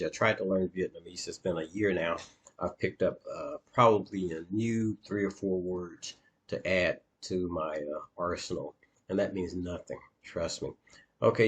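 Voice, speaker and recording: Very deep-voiced man, halting coach. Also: darkish tone. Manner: halting, filler-heavy, plain-spoken. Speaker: dating coach. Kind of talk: screen-share walkthrough with commentary.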